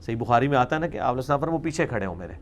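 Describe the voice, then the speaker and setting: In a studio-recorded religious lecture, a male scholar with a Pakistani Urdu accent takes questions. His mid-range voice has a lively intonation, and he makes his points emphatically, adding wry asides and slipping in English words.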